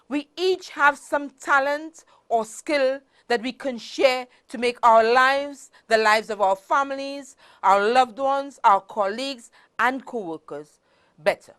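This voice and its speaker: A woman giving a prepared motivational speech in deliberate, formal phrasing, with R's that come out like W's. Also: high-pitched, fairly bright tone. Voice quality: cannot pronounce R's properly, says w-like sound for r. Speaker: motivational speaker.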